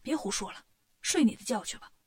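A bold, quick-witted male monkey hero from a children's storybook, brisk and commanding, as a woman reads him. The voice stays fairly high and light. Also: expressive, darkish tone, slightly rough.

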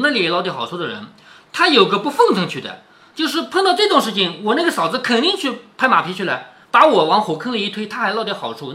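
A man's voice: sits high, pushed and bright. A man reading a classic novel aloud and explaining it in a chatty way, often checking in with the listener. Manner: chatty, keeps asking "right?". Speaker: book reader and commentator.

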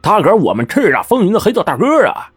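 一位男性说书人演绎一个油滑、爱巴结又大惊小怪的混混男子。. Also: male voice, sits high, quick pace, slightly rough, no echo, clean studio sound, voice pushed up, full character voice. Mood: scaremongering. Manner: fawning, scheming, excitable. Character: sly wheedling male small-time hustler.

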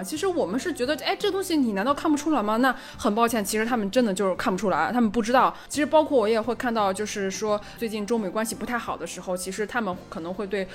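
A woman from China co-hosting a casual podcast, speaking in a reflective, chatty way. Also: on the high side. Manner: chatty, reflective, many fillers like "其实". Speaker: podcast co-host. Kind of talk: casual conversational podcast chat.

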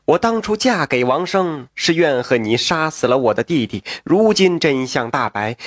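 A male storyteller voicing a grieving, resolute young wife who speaks slowly and solemnly. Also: on the high side, no room sound, clean studio sound.

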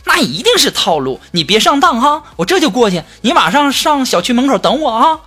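A man voicing a worried young woman, the caller's best friend, in a high, fussing tone. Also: sing-song, brisk, bright, forceful tone, slightly rough, full character voice. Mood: anxious.

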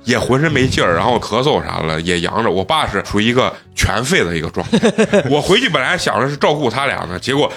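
Lively, husky Xi'an man telling stories. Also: mid-range voice, quick pace, hardly any pauses, faint music behind. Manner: animated, laughs often while telling stories. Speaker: podcast host. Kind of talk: casual storytelling chat.

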